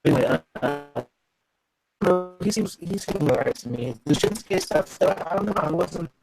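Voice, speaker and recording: Guy on a laggy video call, voice all robotic and metallic, kinda gravelly, keeps restarting what he says. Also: on the high side, lively intonation, music in the background, low-quality recording. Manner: halting, restarts often. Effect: robotic, metallic glitching voice over a bad call connection. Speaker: podcast co-host. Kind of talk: casual chat over a video call. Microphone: computer mic on a video call.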